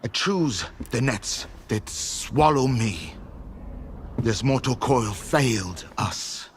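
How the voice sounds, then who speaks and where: An actor playing a brooding, fanatical faction leader and war-scarred survivor, telling things theatrically with dramatic pauses in a video game cutscene. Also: male voice, mid-range voice, expressive, noisy background. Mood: solemn, fervent.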